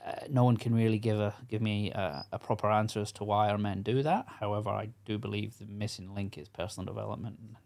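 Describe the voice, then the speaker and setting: Speaking fast with few pauses, a middle-aged Scottish man has a lowish, gravelly, slightly mellow voice and a steady tone. He's a podcast guest who coaches construction workers, chatting casually in an interview with earnest frankness and frequent fillers and restarts.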